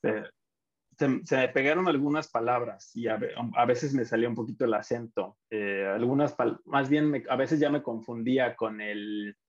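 Husky Mexican man telling stories. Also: mid-range voice, normal speed, lo-fi sound. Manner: storytelling, animated in anecdotes, many restarts. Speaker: podcast guest. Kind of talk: casual chat.

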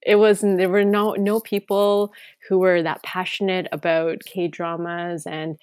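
A woman's voice: fairly low pitch, little pitch movement, a little slow, darkish tone, clean tone, dry recording, studio quality. A woman, a podcast guest chatting casually, with many fillers and restarts. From Canada. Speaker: guest, K-drama writer.

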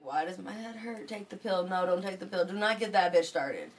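Crowd noise and background music surround this young vlogger from Michigan in a late-night casual chat. She speaks at medium pitch, expressively and fairly quickly, rambling, cursing and leaning heavily on fillers.

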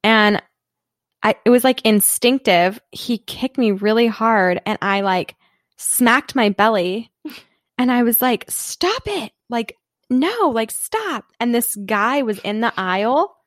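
A woman co-hosting a casual podcast, an animated storyteller who acts out quotes and says "like" a lot. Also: fairly high pitch, measured pace, no echo, studio quality. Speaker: podcast co-host.

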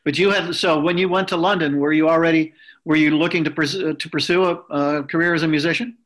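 A man's voice: on the high side, fairly even intonation, fast talker, a bit bright. A man hosting an interview podcast who asks long, rambling questions with many restarts. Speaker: host and interviewer.

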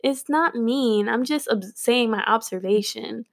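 A woman's voice: a little high, measured pace, creaky. A woman co-hosting a casual podcast chat, teasing and giving blunt opinions. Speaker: podcast co-host.

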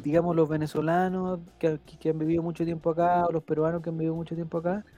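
Man hosting, high voice. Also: fast talker, muffled recording, soft background music. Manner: reads out chat comments, lively and joking. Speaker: host. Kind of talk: casual panel chat.

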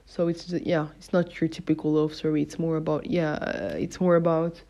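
Speaking fairly quickly with a deep, dark, flat delivery, a young Moroccan woman runs her own podcast. It's casual talk, heavy on fillers and self-corrections, captured in a dull lo-fi recording.

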